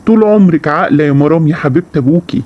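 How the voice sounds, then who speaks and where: A man's voice: on the high side, very fast, dull audio, lightly acted. A man playing a harsh, cruel Egyptian father. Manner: gruff, insulting, bossy.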